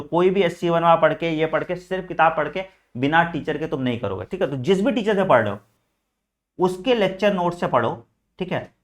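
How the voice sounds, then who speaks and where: Man, teacher, casual study advice, direct, frequent check-ins, slightly high voice. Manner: frequent "theek hai" check-ins, addresses students as beta; direct, teacherly, mixing English phrases. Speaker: exam coaching teacher.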